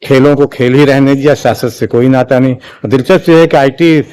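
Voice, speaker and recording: Halting Hindi-speaking male commentator, dry sound. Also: mid-range voice, darkish tone, clear, resonant tone, dry recording. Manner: measured, halting, many restarts and fillers. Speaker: political commentator. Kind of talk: spoken opinion commentary.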